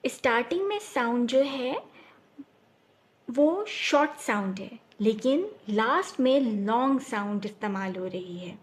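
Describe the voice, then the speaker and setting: A woman teaching a children's phonics lesson, speaking clearly and repeating each word so learners can follow. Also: on the high side, expressive, slow pace.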